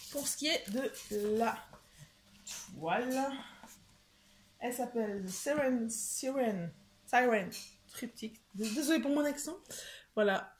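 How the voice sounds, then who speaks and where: A young woman chatting excitedly as she unboxes a craft kit at home, often stumbling and repeating words. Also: mid-range voice, slight background noise. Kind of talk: casual unboxing chat. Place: home with a washing machine running.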